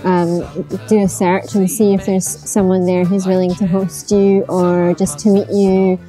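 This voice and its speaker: A woman's voice: medium pitch, level tone, measured pace. A woman explaining things in an easygoing way in a documentary interview. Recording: loud music and crowd behind.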